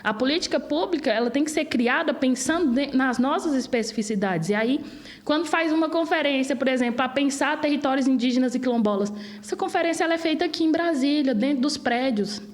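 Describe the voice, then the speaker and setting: A high-voiced young woman in her twenties speaks with a Brazilian Portuguese accent. She makes her case with passion and energy, like a guest in an interview. Her voice sits well above most women's. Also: fairly quick. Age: 20s. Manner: passionate, animated argument.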